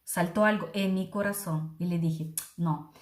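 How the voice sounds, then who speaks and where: A woman's voice: on the low side, steady tone, unhurried, reverberant. A middle-aged woman, a missionary preacher, sharing a heartfelt personal testimony with her congregation. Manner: earnest, heartfelt, addresses listeners as brothers and sisters.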